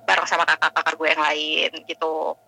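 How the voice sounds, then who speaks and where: A woman calling in over the phone, telling a personal ghost story in a halting casual way. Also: sits low, monotone, creaky, sharp tone, rough recording. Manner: halting, searching for words. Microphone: phone call.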